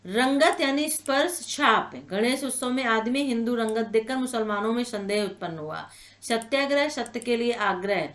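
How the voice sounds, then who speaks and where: Brief: female online tutor, bright higher voice, patient, repeats words and keeps checking "all right?". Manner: explanatory, repeats words slowly with frequent "ठीक है ना" check-ins. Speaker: online exam-prep tutor. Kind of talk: spoken exam-prep lecture.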